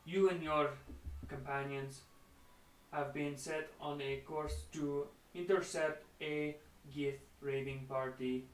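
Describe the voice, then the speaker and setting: A robotic messaging program speaks in a flat monotone and gives clipped orders, as a man puts it on. The voice sits a little high and unhurried. It echoes in a roomy space, a bit away from the mic. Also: a little hiss or hum.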